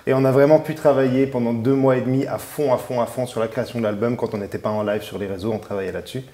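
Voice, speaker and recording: A man's voice: medium pitch, steady tone, fast talker, dark tone. A man in his thirties, a musician guest in a casual radio interview, who talks with many fillers and restarts.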